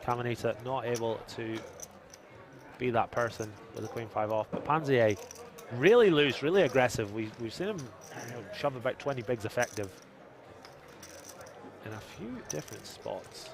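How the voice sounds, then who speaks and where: A man's voice: medium pitch, normal speed. Chatty man calling live poker. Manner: jokey, analytical, chats with viewers. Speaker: poker commentator. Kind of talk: live poker stream commentary.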